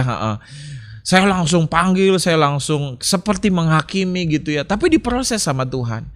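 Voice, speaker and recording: Male preacher with a high voice, telling lively personal stories in a casual sermon. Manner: chatty storytelling with frequent filler tags. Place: church online service.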